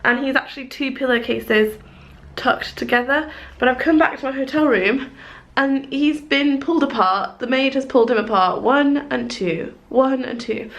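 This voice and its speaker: A woman's voice: a little high, vocal fry, a bit bright, poor audio. A woman, chatting casually in a rambling, self-mocking vlog. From England. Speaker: vlogger. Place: hotel room, then outdoors in a city.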